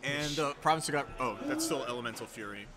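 A man commentating a live card game match in a relaxed, analytical way, filling pauses with quick agreements. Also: medium pitch. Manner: relaxed and analytical, many "yeah" and "yep". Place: game store with crowd behind. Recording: crowd chatter in background.

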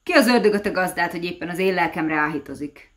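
A woman voicing a gruff, grumbling fisherman who answers curtly and cannot be ruffled, in a storybook tale. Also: fairly low pitch, expressive, fairly bright tone. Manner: gruff, curt replies. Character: gruff grumbling middle-aged fisherman, unflappable.

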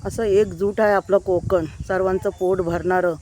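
This married adult woman speaks at a medium pitch with a flat, dark-toned delivery and a moderate pace, with a little background noise behind her. She's filming a casual walking-tour vlog in village gardens, chatting to viewers and indicating things as she walks.

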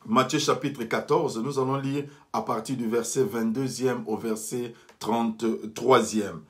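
A man's voice: mid-range voice, fairly even intonation, unhurried. A man preaching a sermon as pastor, earnestly, often restarting phrases and blessing his listeners.

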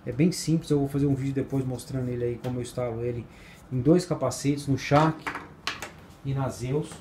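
Speaking briskly in a steady, medium-pitched voice, a motorcycle accessory shop presenter reviews a product casually to camera, going over things again for emphasis. He works at a table by a large sunny window indoors, with ambient noise in the background.

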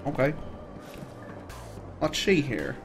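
Male streamer, casual chatty commentary, jokey, mid pitch, music clear in the background. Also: huge pitch swings, takes it slowly. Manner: chatty, joking, laughs often. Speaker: let's play streamer.

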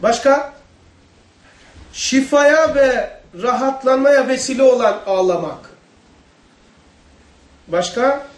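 A man with a very high voice gives a religious study lesson at a slow pace, pausing often and asking his listeners questions as he goes. The room is echoey and the mic sits at a distance.

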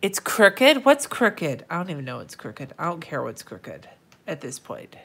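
Her voice is low and a little rough, with big swings in pitch and an unhurried pace, and a blocked nose leaves her sounding nasal. She's at a desk indoors, livestreaming as she decorates a planner, chatting easily with viewers, muttering to herself and cursing occasionally.

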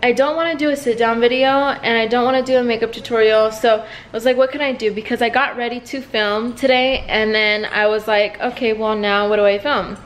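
Woman, twenties, home vlogger; high chatty voice, rambling to a handheld camera. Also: steady tone, brisk, few pauses, slight background noise. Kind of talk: casual vlog talk to camera. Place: home living room, indoors. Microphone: camera held at arm's length.

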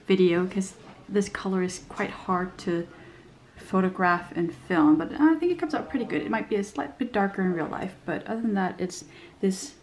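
Recorded in a small room with slight background noise, this casual handbag review comes from a young woman who's still slightly nasal after a cold. She talks at a normal speed in a medium-pitched, a little mellow voice, describing the bag chattily with plenty of fillers.

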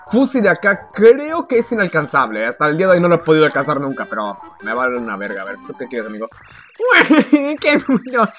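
A man's voice: on the high side, a bit bright. A man giving casual, crude and sarcastic commentary while playing a video game. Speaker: gameplay commentator.

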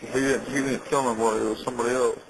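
A man in a casual private conversation on a jail phone call, with a creaky voice. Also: mid-range voice, flat delivery, fast talker. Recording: noisy, clicking jail phone line.

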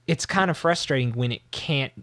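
Male host, casual chat, mid-pitched, dry close sound, rambling. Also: normal speed, no room sound. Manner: animated, rambling, frequent restarts.

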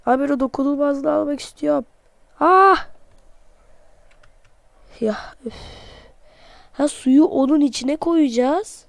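A man giving excited let's-play commentary, joking and talking to himself as he plays. His voice sounds off because he is sick. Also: extremely high pitch, moderate pace, creaky, no room sound. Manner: playful, excitable, jokey, talks to himself while playing; self-mocking. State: voice off from being sick. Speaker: gamer, channel host.

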